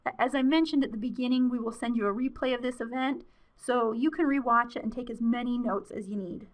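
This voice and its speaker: A woman with a slightly high voice presents a webinar in a casual, conversational way. She talks to her listeners in a friendly tone, filling gaps with small fillers. Her voice is wearing thin. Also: brisk. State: losing her voice.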